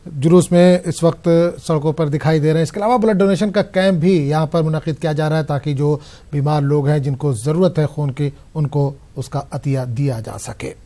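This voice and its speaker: A man presenting the news in a measured, formal way, handing over to a field reporter. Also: on the high side, dark tone. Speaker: news anchor.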